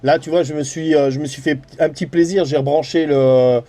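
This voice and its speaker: Chatting colloquially over CB radio, a middle-aged French amateur operator and vlogger speaks fairly quickly with fairly even intonation. His voice is a little high and mellow.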